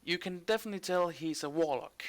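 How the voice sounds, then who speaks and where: A man's voice: high voice, quick pace. A man narrating a tabletop role-playing game as game master in a casual, conversational style.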